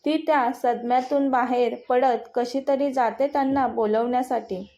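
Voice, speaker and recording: A woman's voice: sits high, steady tone, moderate pace, warm tone, lo-fi sound. A woman narrating a romantic story and reading every character in her own voice.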